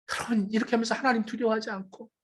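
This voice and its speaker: A woman pastor preaching a sermon with emphatic rhetorical questions, moving between loud calls and hushed asides. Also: fairly high pitch, fairly even intonation, quick pace, husky.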